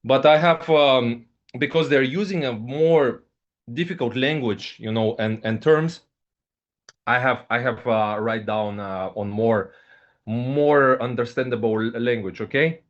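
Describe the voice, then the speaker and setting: Hosting a live online presentation as a company ambassador, a man speaks halting English full of filler sounds and repeats "okay, guys." His voice is at an ordinary middle pitch. He is from Bulgaria, Russian is his first language, and the video call recording is dull and lo-fi.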